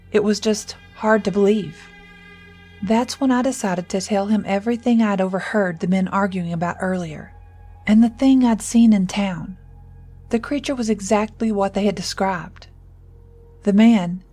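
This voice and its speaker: Husky low-voiced woman narrating horror. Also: darkish tone. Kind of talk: scripted horror story narration.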